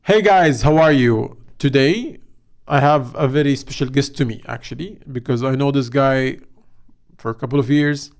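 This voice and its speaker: A man's voice: mid-range voice, normal speed. A man hosting a podcast interview, talking loosely and chattily with plenty of fillers and restarts. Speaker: podcast host. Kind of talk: casual interview chat.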